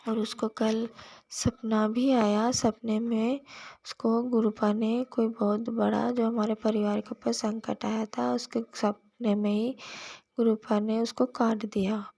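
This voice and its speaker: A woman's voice: a little high, flat delivery, slow, vocal fry, mellow. A middle-aged woman earnestly giving a grateful devotional testimony, often restarting her sentences.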